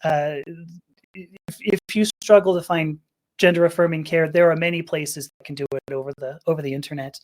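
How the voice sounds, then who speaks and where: A woman's voice: low voice, steady tone, fairly quick, darkish tone. A middle-aged woman from Los Angeles, a podcast guest telling a personal story in a rambling, emotional way with restarts and laughter. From Los Angeles, USA.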